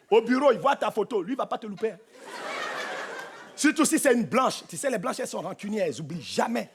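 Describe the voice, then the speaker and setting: Stand-up comic, man, Cameroonian French accent, very high voice, teasing punchy delivery, faint crowd laughter behind. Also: noisy background. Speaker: stand-up comedian. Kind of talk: live stand-up comedy. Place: theatre stage before a live audience.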